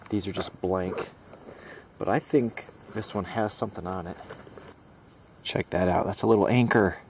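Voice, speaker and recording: Low-voiced man exploring woods, excited. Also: slight background noise. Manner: enthusiastic, explaining finds as he goes. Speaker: metal detecting channel host. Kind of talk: casual outdoor vlog narration. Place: outdoors in a forest.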